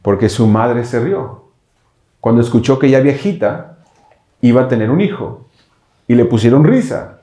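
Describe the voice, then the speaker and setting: A man with a warm, relaxed voice teaches scripture in an echoey room. He explains patiently, one step at a time. He keeps checking that his listeners follow with quick rhetorical questions. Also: medium pitch. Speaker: congregation teacher. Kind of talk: bilingual Bible teaching.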